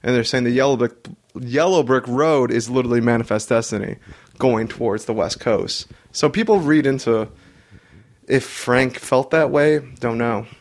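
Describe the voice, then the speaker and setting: A man's voice: medium pitch, moderate pace. A man co-hosting a film podcast, talking in a rambling, casual way with many fillers. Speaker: podcast co-host. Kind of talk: casual chat.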